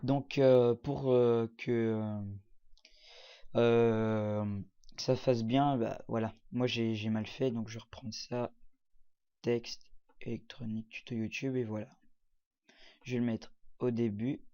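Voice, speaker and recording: In a casual screen-recorded software tutorial, a presenter walks viewers through a video-editing program, talking as he clicks with many hesitations and fillers. His mid-range voice is flat and slow with long pauses, and it sounds mellow, clear and resonant, though the highs are cut off.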